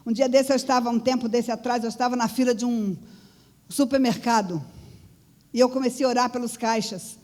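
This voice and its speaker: A woman's voice: a little high, fairly even intonation, a little fast, warm tone. A woman preaching in church, telling a personal testimony in an earnest storytelling way. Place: church hall. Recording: long church-hall reverb.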